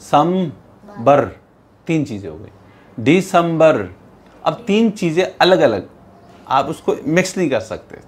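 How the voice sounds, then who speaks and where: Man teaching English with lively pitch. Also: slightly rough. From Pakistan. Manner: reads English slowly and explains in Urdu-Hindi; addresses pupils as "beta", repeats "theek hai". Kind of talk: bilingual classroom lesson.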